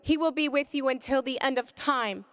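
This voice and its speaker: A woman's voice: moderate pace, fairly bright tone, big-room sound. Impassioned woman giving testimony. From California. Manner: impassioned, rising to cries in high moments. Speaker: pro-life speaker. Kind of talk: emotional testimony talk.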